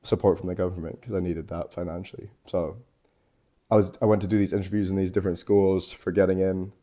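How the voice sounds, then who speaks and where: Very deep-voiced young man from Scotland. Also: level tone, fast, warm tone. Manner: loose, rambling, heavy on "like" and swearing. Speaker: guest artist. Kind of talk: casual chat. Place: tattoo shop.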